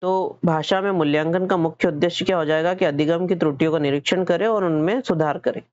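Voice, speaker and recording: A male teacher with a Hindi accent moves at a quick pace through an exam-prep lesson, explaining questions step by step and answering his own questions while often repeating and correcting himself. His voice is on the high side and a little mellow, with no room sound and dull audio.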